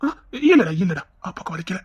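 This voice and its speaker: Husky woman acting out a family serial. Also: lowish voice, very animated, fairly quick, darkish tone. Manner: switches between brotherly scolding and tender coaxing. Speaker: storyteller voicing a whole family.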